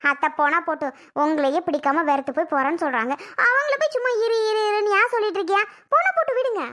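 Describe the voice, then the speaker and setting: A woman voicing a jealous, sharp-tongued daughter-in-law in a cartoon, needling her father-in-law. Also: very high-pitched, fast. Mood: sarcastic. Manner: sarcastic, needling.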